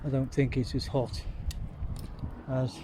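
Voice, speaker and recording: A British man talks into his phone while walking down a street, out of breath and rambling as he thinks aloud. His voice sits at an ordinary middle pitch. Cars and street noise come through clearly behind him. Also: flat delivery, slow pace. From United Kingdom. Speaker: vlogger. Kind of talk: casual walking vlog. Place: outdoors on a street.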